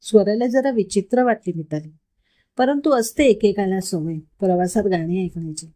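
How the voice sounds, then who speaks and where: A woman's voice: mid-range voice, moderate pace, warm tone. A woman telling a story aloud and slipping into light character voices for the dialogue. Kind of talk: reading a Marathi story aloud, voicing the characters.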